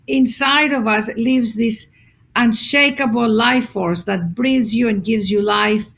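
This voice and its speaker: A woman's voice: a little high, gravelly. A woman speaks as a podcast guest, her voice sitting a little above the usual for a woman. She tells her stories expressively and slips into the voices of the people she quotes, with plenty of ums and restarts along the way. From Greece. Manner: expressive storyteller acting out quotes, many fillers. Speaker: guest author. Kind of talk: conversational podcast interview.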